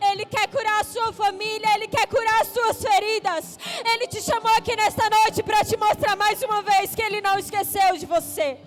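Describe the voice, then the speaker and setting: Woman pastor, very high voice, impassioned sermon, shouting and tearful pleas, soft music behind. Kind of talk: sermon with altar call. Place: church service.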